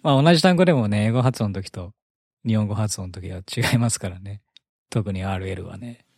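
A man's voice: fairly low pitch, brisk, darkish tone, dry recording, clean studio sound. A man co-hosting a casual podcast, answering with short, easygoing remarks and light laughs. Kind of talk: casual chat.

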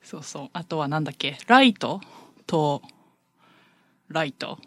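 A woman's voice: low voice, measured pace, no room sound. Woman co-hosting a chatty podcast, voice swings up and down a lot, laughs a bunch, dry close mic. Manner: animated storyteller who laughs often. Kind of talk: casual chat.

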